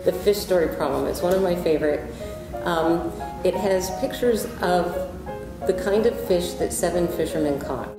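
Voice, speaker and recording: A woman who organizes and raises money for the program, clearly explaining a puzzle in an interview. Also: on the low side, normal speed, distant mic. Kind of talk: interview answers. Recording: roomy sound under loud music.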